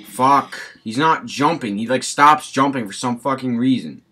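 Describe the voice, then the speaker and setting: A man doing raging gamer commentary, angry and exasperated, swearing heavily and prone to yelled outbursts. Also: mid-range voice, moderate pace, husky. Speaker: gamer recording a gameplay video.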